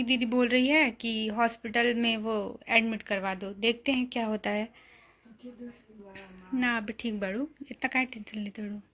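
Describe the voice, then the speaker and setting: A woman vlogger talking casually to her viewers from a hospital and later at home, explaining things step by step, hushed late at night. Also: fairly high pitch. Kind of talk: casual vlog narration. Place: hospital grounds, then home room.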